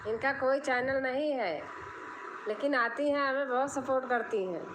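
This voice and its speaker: A woman's voice: sits high, moderate pace, background noise. A woman hosting a casual live stream, greeting viewers by name and reading their comments aloud. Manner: chatty, warm toward viewers, reads comments aloud.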